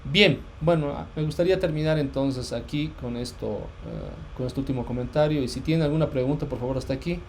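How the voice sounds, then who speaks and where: A man from Bolivia giving a university physics lecture, pausing often with fillers and restarts and checking that students follow. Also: medium pitch, a little hiss or hum.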